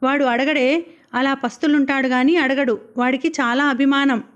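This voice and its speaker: A middle-aged mother complains and pleads in a plaintive tone. The voice sits high, as a woman narrator reads her lines. It is a storybook reading. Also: steady tone, moderate pace, dull audio, lightly acted. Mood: pleading. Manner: pleading, self-pitying.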